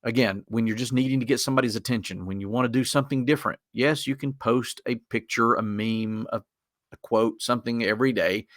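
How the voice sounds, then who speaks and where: A man with a Southern Appalachian accent presents a webinar in an informal, conversational way. His voice sits at a medium pitch and his delivery is folksy. The sound is dry, with very little room echo. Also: steady tone, a little fast, a bit bright.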